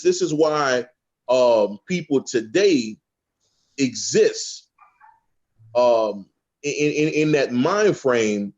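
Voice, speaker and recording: Man, slow unhurried speech, profane, repeats himself, says "okay?" often, dull lo-fi sound. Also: medium pitch, a little mellow. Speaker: guest speaker on a spiritual panel. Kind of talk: casual spiritual talk.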